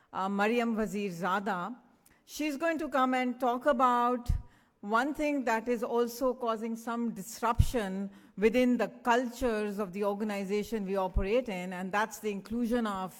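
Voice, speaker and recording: A woman hosting an event and introducing a speaker from the stage. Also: fairly high pitch. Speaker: event host. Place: large indoor event hall. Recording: reverberant event hall.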